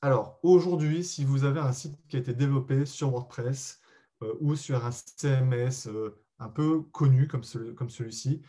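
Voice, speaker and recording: A man's voice: medium pitch, moderate pace, mellow. A man presenting a live webinar, explaining patiently to his listeners with frequent hesitations and polite asides. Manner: addresses listeners directly and politely.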